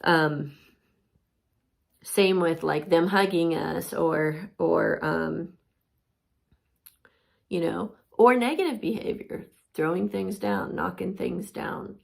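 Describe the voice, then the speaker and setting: A woman's voice: fairly low pitch, slow, vocal fry, pauses often. A woman teaching a parenting course in a chatty, casual way, with many fillers, acting out what a parent would say.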